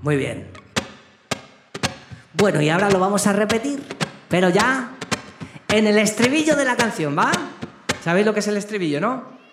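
A man's voice: high voice, big pitch swings, normal speed, long pauses, fairly bright tone. A man on stage at a children's concert, playfully coaxing the crowd with questions and jokes. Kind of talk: live concert banter to a crowd of kids. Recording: echoey live stage with music.

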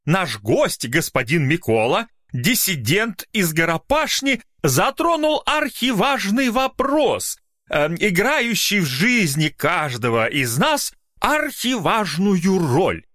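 Fussy official, high reedy and halting, a man putting him on. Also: big pitch swings, fairly bright tone, no echo, studio quality, full character voice. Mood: pompous. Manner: hesitant, full of "uh", high and reedy. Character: fussy thin male secretary, hesitant and pompous.

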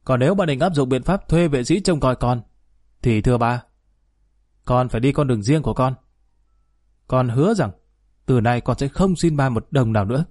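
A man's voice: medium pitch, animated, normal speed, pauses often, a little mellow, dry recording, clean studio sound, close to an everyday voice. A man reading a defiant young son. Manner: sulky, defiant, scornful. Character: defiant 21-year-old son.

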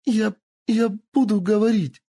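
A man's voice: high-pitched, steady tone, unhurried, warm tone, husky, voice pushed up, heavily acted. A man voicing a frightened teenage fox shapeshifter girl held captive, pleading and whimpering. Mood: terrified.

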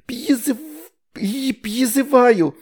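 A man's voice: very high-pitched, very slow, darkish tone, slightly rough, voice pushed up, exaggerated voice. A man reading an audiobook, voicing a small earnest girl who lisps and stumbles over sounds. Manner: childish lisping syllables. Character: small girl demon summoner, sweet and earnest.

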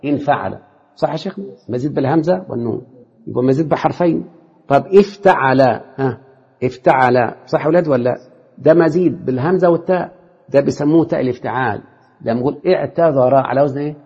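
Gravelly Egyptian teacher quizzing students. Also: male voice, mid-range voice, quick pace, a little mellow. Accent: Egyptian Arabic. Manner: quizzing students with frequent rhetorical questions. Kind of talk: classroom lesson on Arabic morphology. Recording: lo-fi hall recording with long reverb.

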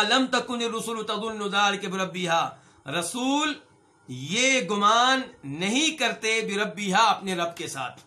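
A middle-aged man teaching a religious lesson, his voice pitched unusually high for a man and very bright and sharp. He reads each Arabic phrase slowly and then unpacks its meaning. He keeps posing questions to his listeners, whom he calls brothers, and answers them himself. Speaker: Islamic scholar and hadith teacher.

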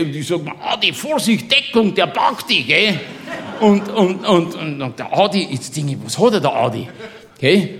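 A Bavarian-accented man with a fairly high, creaky voice spins a funny dialect story, laughing boisterously all the way through it. Now and then he tosses friendly asides at whoever is listening.

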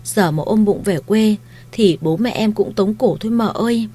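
A woman's voice: medium pitch, normal speed, mellow, slightly rough, lightly acted. A woman voicing a frightened young female house maid, timid and stammering as she pleads. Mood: timid pleading.

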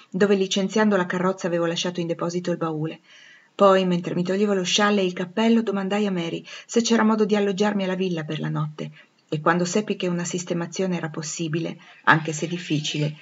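A woman narrating a classic novel aloud in a measured, expressive reading. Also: lowish voice. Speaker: audiobook reader. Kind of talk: literary audiobook narration. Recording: dull lo-fi recording.

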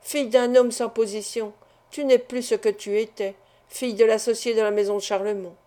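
A woman's voice: on the high side, steady tone, a little fast, dark tone, natural voice. A woman reading the lines of an anguished, honourable middle-aged father in an audiobook, grave and resolute. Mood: gentle resolve.

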